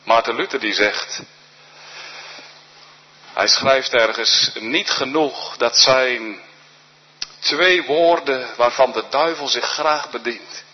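Slow, husky-voiced man preaching a sermon. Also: medium pitch, highs cut off. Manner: earnest preaching with rhetorical questions and repeated short phrases. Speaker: pastor.

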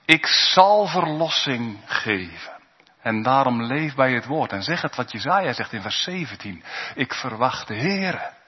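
A man preaching a sermon in speech, earnest, dropping to soft low asides and rising into raised exhortation. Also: lively intonation, normal speed, breathy edge. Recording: dull sound with long hall reverb.

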